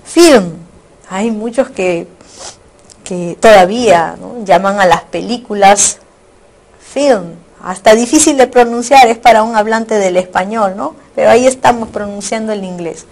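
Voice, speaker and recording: A woman's voice: medium pitch, moderate pace, darkish tone. A woman teacher giving a recorded online lecture, explaining carefully, repeating and rephrasing her points and often checking in with her students. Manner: explanatory, frequent tag questions.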